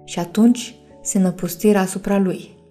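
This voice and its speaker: A woman narrates a bedtime story in a gentle, mellow voice with a dark tone. She reads steadily, speaking warmly to her listeners. Faint music plays behind her. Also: medium pitch, fairly even intonation. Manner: gentle, addresses listeners as dears.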